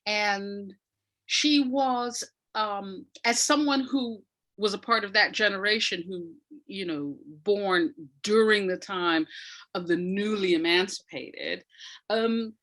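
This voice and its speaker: Here the same kind of interview guest, an academic and audio dramatist, talks slowly in a mid-range, slightly bright voice. Her explanations are reflective and conversational, and she takes care as she searches for the right words.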